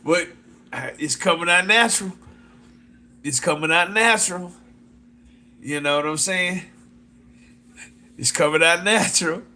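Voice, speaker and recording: Here the designer's voice is high and sharp, measured in pace with long pauses, as he chats loosely with viewers about his clothing line. He says things over and over, lets out whoops and laughter, and keeps turning to "sis."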